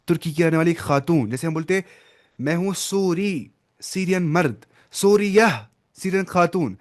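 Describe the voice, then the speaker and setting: A man with a fairly high, darkish voice teaches an Arabic class online. He walks through each point step by step, mixing in English words, and frequently pauses to quiz students by name.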